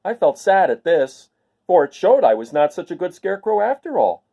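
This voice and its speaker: A man's voice: high voice, big pitch swings, normal speed, creaky, mellow, voice pushed up, exaggerated voice. A man voicing a naive, earnest and cheerful scarecrow stuffed with straw in a storybook reading. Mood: wistful, eager. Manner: earnest, artless, wondering.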